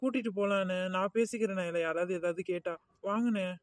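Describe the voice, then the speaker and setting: A man's voice: high-pitched, fast, recorded from a distance, heavy background noise, natural voice. A man voicing a kind young male passenger in a cartoon, an eager peacemaker who pleads and soothes. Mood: persuading. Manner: pleading and soothing, keeps saying brother. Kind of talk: cartoon voice acting.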